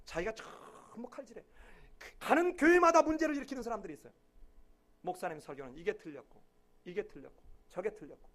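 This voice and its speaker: High-voiced male pastor preaching. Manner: acts out quoted voices with sudden loud outbursts. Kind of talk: sermon.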